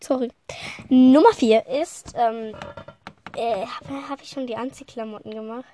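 A woman hosting a podcast chats casually but hesitantly, rambling, apologizing often and restarting sentences. She speaks slowly, with many fillers and trailing off. Her voice is a little high, steady and dark, with slight background noise.

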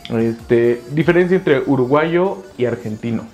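A man's voice: mid-range voice, expressive, unhurried, a little mellow, soft background music. A young Mexican man chatting casually as a podcast co-host, playful and teasing, mocking himself. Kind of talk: casual chat.

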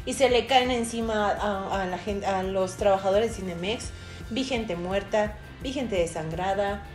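A woman's voice: mid-range voice, a little slow, roomy sound, soft background music. A young Mexican woman with a Mexican Spanish accent, co-hosting a casual podcast and telling a dramatic personal story with lots of fillers and acted-out quotes. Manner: animated storyteller, acts out shouted quotes, many fillers. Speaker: podcast co-host.

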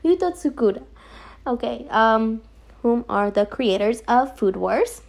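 A woman's voice: on the high side, slow, creaky. A young woman reviewing an anime in casual chat, rambling with lots of fillers and giggles. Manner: giggly, rambling, animated, frequent fillers and laughs.

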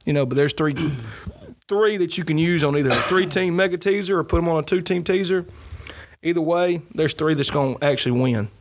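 A man's voice: a little high, fairly quick, background noise. A man co-hosting a casual sports podcast, talking through his betting picks in a boastful, joking way. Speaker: podcast co-host.

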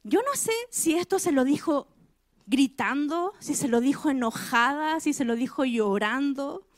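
High-voiced woman preaching a sermon. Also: animated, measured pace, no room sound, clean studio sound. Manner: asks the listeners direct questions; emphatic, repeats key phrases.

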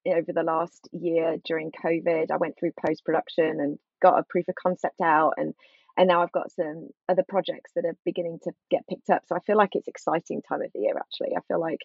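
Woman, lowish voice, enthusiastic and giggly in casual conversation; dry sound. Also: level tone, a little fast, gravelly, breathy edge, no room sound, dull audio. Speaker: podcast guest and show host.

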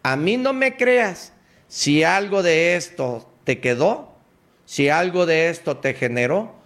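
A man gives a motivational radio talk in a preachy, emphatic way, speaking straight to the listener. He talks slowly and deliberately, and his voice sits a little above the usual male range. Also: fairly high pitch, animated, fairly bright tone.

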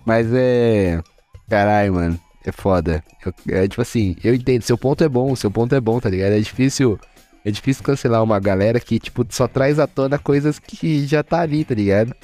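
A man's voice: mid-range voice, a little fast, mellow, no room sound, faint music behind. A young man, co-hosting a podcast in a slangy, rambling way with frequent laughs. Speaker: podcast co-host. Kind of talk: casual chat.

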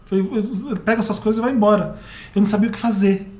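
A man hosting a podcast in casual chat, telling stories and reading letters aloud with lively acted-out dialogue. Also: high-pitched, fast. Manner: animated storyteller, acts out quoted dialogue. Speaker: podcast host. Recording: echoey room with faint background noise.

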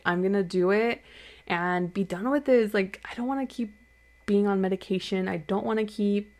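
A young adult woman with a gravelly, mid-range voice hosts a solo podcast episode. She candidly shares a personal story in a casual, conversational way, saying "like" a lot.

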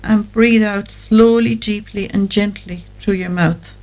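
A woman with a mid-pitched voice leads a guided breathing exercise. Her delivery is soothing and gentle, with slow, measured instructions and room left between phrases. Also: rough recording. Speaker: guest anxiety therapist on a show.

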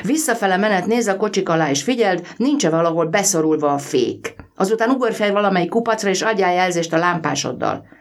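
A man reading a storybook voices a gruff middle-aged male train engine driver, bossy and muttering, pitched above his own reading voice. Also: animated, few pauses. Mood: gruff instructing.

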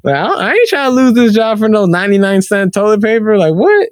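Animated man acting out stories. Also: high-pitched, a little fast, no echo. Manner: animated storyteller, acts out both sides of conversations. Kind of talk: casual chat.

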